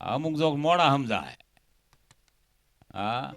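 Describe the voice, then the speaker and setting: Animated male folk comedian. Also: mid-range voice, slow, faint music behind. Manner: animated, punchline-driven, quoting characters. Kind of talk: dayro stage comedy storytelling.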